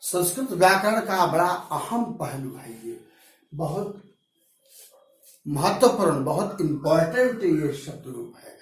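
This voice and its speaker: Slow-talking teacher in an echoey room. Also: male voice, a little high, lively intonation. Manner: slow, drawn-out recitation of word forms. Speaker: school teacher. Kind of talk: classroom grammar lesson. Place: classroom. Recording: very echoey room, mic far off.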